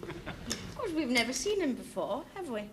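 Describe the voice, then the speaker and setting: An actress playing a bubbly, playful young wife, quick to panic, in 1970s sitcom style. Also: female voice, high voice, sing-song. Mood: relaxed. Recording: background noise.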